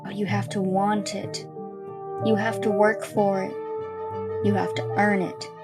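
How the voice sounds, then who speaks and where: Over background music, an actress with a medium-pitched female voice plays a pious, calmly menacing schoolteacher in a horror audio drama. She preaches in a measured, solemn way, lightly acted and preachy in mood.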